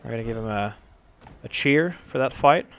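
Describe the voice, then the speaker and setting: Gravelly-throated man commentating a duel. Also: medium pitch, normal speed, noisy background. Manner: rambling, relaxed, many fillers. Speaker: gameplay commentator. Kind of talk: casual game commentary.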